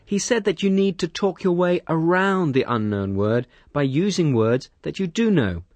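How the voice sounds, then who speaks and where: A man's voice: on the high side, animated, moderate pace, a little mellow, no room sound. Man presenting a radio lesson. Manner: conversational, asks questions.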